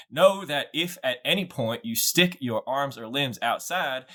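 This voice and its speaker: A man's voice: medium pitch, a bit bright, voice pushed up, close to an everyday voice. A man voicing a polite, cheerful airline announcer reading safety notices. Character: chipper adult airline announcer on a cloud flight.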